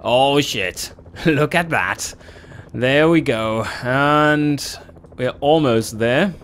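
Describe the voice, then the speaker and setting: A man hosting a let's play, commenting casually on his gameplay, animated and quick to swear and laugh in frustration. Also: mid-range voice, a little hiss or hum.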